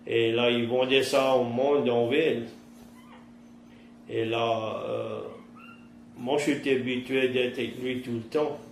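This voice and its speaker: A man in his fifties from southern Louisiana, United States, speaks with a Cajun French accent in a gravelly, mid-range voice, slow and steady with long pauses. A trapper and fisherman, he plainly recounts his past life in rural vernacular for an oral-history interview. The recording has a roomy echo and faint background noise.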